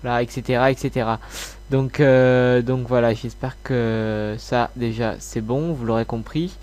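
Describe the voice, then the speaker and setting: Casual tutorial host, male, mid-pitched voice blocked by a cold, informal and halting delivery. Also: steady tone, darkish tone. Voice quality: congested, blocked-nose sound. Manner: informal, hesitant, mildly sweary. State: slightly ill with a cold.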